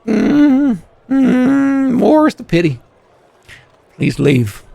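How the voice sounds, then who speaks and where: A man's voice: very high voice, very animated, extremely slow, creaky, mellow, no room sound, voice pushed up, full character voice. A man voicing a squat, fearful game creature, a reluctant fortune teller who talks hesitantly and evasively. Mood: weary, evasive. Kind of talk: voiced game character on a livestream.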